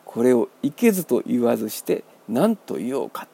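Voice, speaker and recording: A man hosting a radio book talk, explaining in a wry, measured way. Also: medium pitch, big pitch swings, vocal fry, warm tone, slightly rough. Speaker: radio host.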